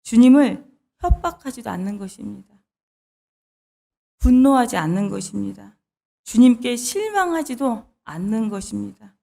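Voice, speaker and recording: Earnest higher-voiced woman preaching. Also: animated, normal speed, gravelly, long pauses, warm tone. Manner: earnest, dramatizes pleading prayers aloud. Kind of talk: sermon. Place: church.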